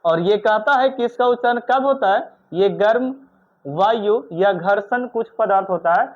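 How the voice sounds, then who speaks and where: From India, a strict male teacher leads a grammar lesson, pressing students with repeated questions and scolding them sharply. His voice is high for a man and a little slow, and the recording comes through thin and tinny, like a phone line.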